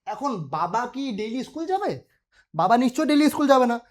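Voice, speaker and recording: A woman's voice: fairly high pitch, very animated, brisk. A woman teacher, giving an exam-prep grammar lesson in which she asks and answers her own questions and repeats key words. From West Bengal.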